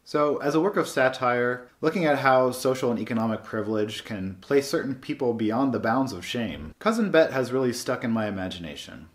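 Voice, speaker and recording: A man hosting a book channel, giving a scripted monologue in a wry, sardonic way. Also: mid-range voice. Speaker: booktube host.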